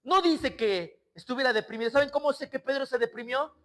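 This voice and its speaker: A male pastor preaching a sermon, swinging between loud exclamations and quiet asides and acting out the scenes he tells. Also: very high-pitched, brisk. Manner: acts out quoted voices and scenes.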